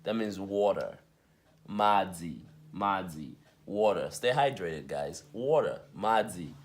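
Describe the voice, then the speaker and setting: A man's voice: deep voice, lively intonation. A man teaching a casual language lesson, saying each word again and again and spelling some out letter by letter. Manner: repeats words slowly, spells them out letter by letter.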